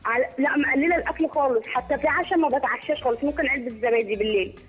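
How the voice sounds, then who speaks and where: Woman, 19, Egyptian accent, phone-in caller, hesitant, quick, thin phone line. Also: high-pitched, husky, soft background music. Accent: Egyptian Arabic. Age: teens. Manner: hesitant, worried. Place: home, TV audible behind.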